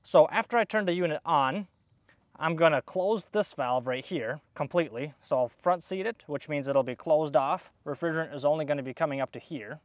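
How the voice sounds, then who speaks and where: A young HVAC tech explains, step by step, what he's doing to an outdoor air conditioner while he works beside the unit. He has a slightly high, brisk voice, and the recording has no room sound.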